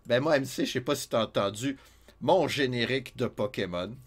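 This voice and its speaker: Québécois man, mid-pitch, chatty game streamer, self-mocking, slight cold. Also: normal speed, husky. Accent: Québécois French. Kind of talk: casual game commentary.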